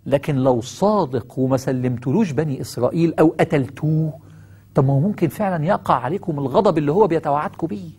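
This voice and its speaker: A man's voice: fairly high pitch, quick pace, mellow, husky. A man with an Egyptian accent preaching on Quranic verses, firing rhetorical questions at his listeners.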